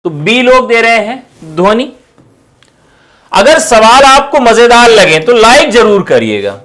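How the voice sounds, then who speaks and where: A man's voice: extremely high pitch, very animated, measured pace, a bit bright. A male teacher giving an online exam-prep lesson, asking questions and answering them himself, repeating key terms for emphasis. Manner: addresses students as companions.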